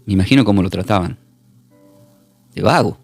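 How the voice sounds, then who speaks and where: A man, a pastor teaching a recorded Bible class in an emphatic preaching manner, repeating words and slowly spelling out terms. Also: low-pitched, gravelly, a little mellow, slightly rough, no echo, faint music behind.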